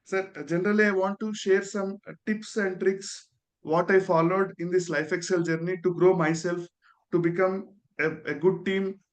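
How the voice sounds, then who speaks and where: A man's voice: high voice, steady tone, moderate pace. A man with an Indian accent giving an earnest testimonial as a guest, very deferential and often ending his phrases with "sir".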